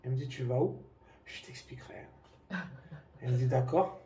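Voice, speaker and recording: A man's voice: mid-range voice, normal speed, vocal fry. Man telling his story, distant and echoey. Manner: animated, acts out dialogue, many fillers. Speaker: church member giving a testimony. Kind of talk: personal testimony storytelling. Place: congregation meeting room. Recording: echoey room, distant mic, faint noise.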